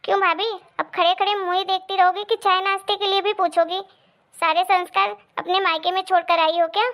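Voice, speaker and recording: A woman voicing a bossy, quick-tempered sister-in-law in a cartoon story, sharp and scolding. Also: very high-pitched, flat delivery. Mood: angry.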